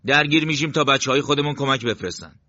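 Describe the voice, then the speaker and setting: A young squad leader gives clipped, urgent orders in a raised, louder voice, as a male narrator puts him on. The recording is dull and lo-fi, with a dry sound. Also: mid-range voice, no room sound, pitched above the performer's own voice, lightly acted.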